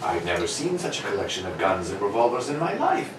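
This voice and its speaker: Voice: sits low, very animated, fast talker. An actor playing a loyal, puzzled doctor sidekick, blustering and hesitant, in an old radio mystery style. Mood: flustered, incredulous. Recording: roomy, distant, clearly noisy recording.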